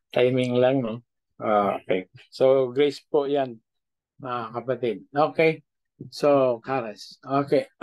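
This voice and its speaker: Filipino man, pastor, slow patient lecture, clear resonant voice, video call. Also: mid-range voice, low-quality recording. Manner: slow, patient, asks "no?" after points. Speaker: pastor teaching Biblical Greek. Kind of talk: online class lecture.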